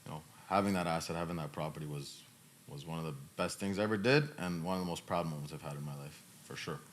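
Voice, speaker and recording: A fast-talking bass voice belongs to a podcast host in his thirties answering questions. He chats casually, emphatic and repetitive in his phrasing.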